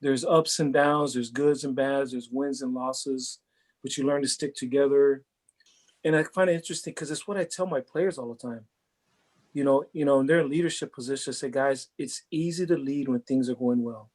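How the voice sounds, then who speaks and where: A man's voice: mid-range voice, steady tone, moderate pace, darkish tone. Earnest middle-aged man from Hawaii. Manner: earnest, reflective, repeats words as he thinks. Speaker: head football coach. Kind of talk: interview answers, casual chat.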